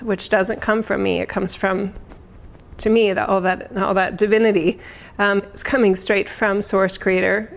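A woman speaking as a spiritual guide in a conversational, reflective way, with halting, unscripted phrasing. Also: mid-range voice, gravelly. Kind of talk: informal spiritual talk.

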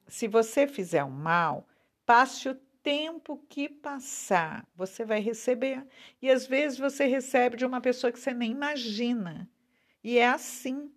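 A Brazilian woman speaks to the viewer in an earnest devotional talk, with her voice sitting at an ordinary middle pitch. She talks slowly, drawing out each key word for weight. She often pauses to check in with a soft "né?". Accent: Brazilian Portuguese. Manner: slow, earnest, drawn-out emphasis, frequent "né?". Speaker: preacher.

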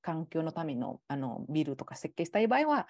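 Polite woman, low and dark. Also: big pitch swings, brisk, dry recording, studio quality. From Indonesia. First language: Indonesian. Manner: polite, frequent affirming fillers. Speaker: guest. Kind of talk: casual online interview. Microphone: video call.

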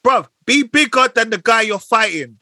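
A man's voice: very high voice, animated, normal speed, bright, forceful tone, dry recording, clean studio sound. A man with a London accent in heated, slangy casual banter, arguing his points. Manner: slangy, argumentative.

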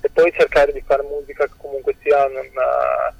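A young man, a musician guest, answering interview questions over the phone, hesitant and full of drawn-out fillers. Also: mid-range voice, level tone, gravelly, dry recording, dull audio.

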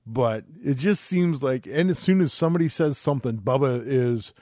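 A man co-hosting a podcast in casual chat, excitable, swearing freely and acting out quotes. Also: mid-range voice, moderate pace, dry recording, studio quality. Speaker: podcast co-host.

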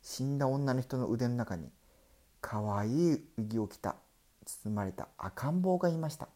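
A man narrating a Japanese folk tale aloud in a deliberate storytelling manner. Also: medium pitch, animated, warm tone.

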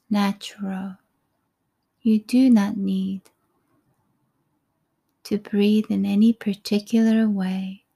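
A woman leading a guided breathing meditation in a soft, breathy, calm voice, with unhurried short phrases and pauses. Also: mid-range voice. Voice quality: soft, breathy, often near a whisper.

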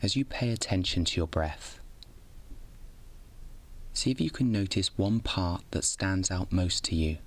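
A man narrating a bedtime guided meditation as host, like a sleep story narrator, in a calm, soothing, unhurried way. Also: deep voice.

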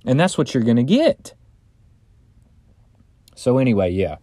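A man's voice: mid-range voice, sing-song, measured pace, mellow, no room sound, clean studio sound. A man hosting his podcast from inside a bedroom closet, chatting loosely and joking in a casual, rambling way. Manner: loose, chatty and joking, with frequent fillers and mild swearing. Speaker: podcast host. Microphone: close studio mic, audio only.

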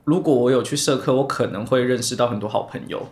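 A man's voice: medium pitch, quick pace, darkish tone. A young man, telling a long personal story on a chat podcast, rambling and restarting often. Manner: rambling, many restarts and repeated words. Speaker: podcast co-host.

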